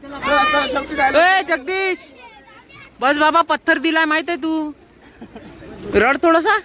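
A man's voice: very high-pitched, fairly even intonation, takes it slowly, bright, forceful tone. A young man from Maharashtra vlogging outdoors at a camp farewell, playfully teasing his friends. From Maharashtra, India. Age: young adult. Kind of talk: casual teasing vlog chat. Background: crowd of students chatting.

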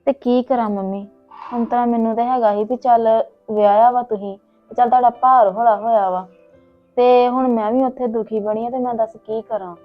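A woman's voice: on the high side, steady tone, normal speed, lightly acted. A young woman playing an unhappy married daughter, subdued and weary as she talks to her mother. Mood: downcast. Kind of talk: web drama acting. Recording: dull lo-fi with faint music.

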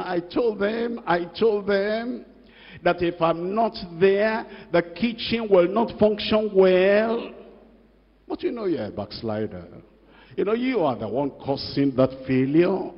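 An older pastor preaching a rebuking sermon at a pulpit with a handheld mic, putting direct questions to the congregation. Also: male voice, high voice. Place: large church hall at a pulpit. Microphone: handheld microphone. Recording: dull reverberant hall sound.

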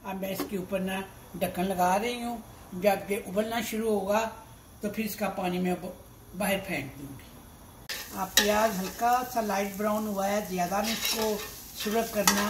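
Heavy background noise surrounds this mid-range female voice: a Pakistani home cook in her sixties hosting a cooking show, explaining steps unscripted at the stove and often repeating herself. The echoey kitchen rings with loud sizzling, stirring, and clattering pots and dishes.

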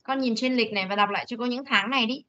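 Woman teacher on a video call, slow drawn-out drill words, kinda lo-fi sound. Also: a little high, pushed and bright, slight background noise. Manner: slow drawn-out model words for repetition, coaxing. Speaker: English teacher. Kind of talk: online class teaching.

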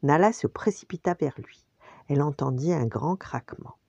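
An older woman, a grandmother, reading a bedtime story aloud in an animated way, acting out the voices. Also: low voice, moderate pace, gravelly, dry recording. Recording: dull lo-fi dry recording.

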